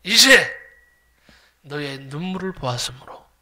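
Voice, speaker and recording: A man voicing God as a gentle, fatherly figure speaking to his son, in a low, soft and solemn tone that sometimes sinks to a whisper. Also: animated, measured pace, full character voice. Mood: tender, solemn.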